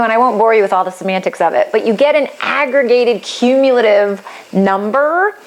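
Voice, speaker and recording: A middle-aged woman explaining a relationship compatibility report in a chatty, animated way, acting out quoted reactions and laughing lightly. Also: medium pitch. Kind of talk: casual explainer talk.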